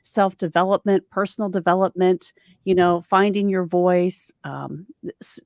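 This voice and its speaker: A woman's voice: on the low side, fairly even intonation, measured pace, a little mellow, no echo. Chatty woman host, dry close sound. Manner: enthusiastic, chatty, laughs often. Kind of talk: online interview.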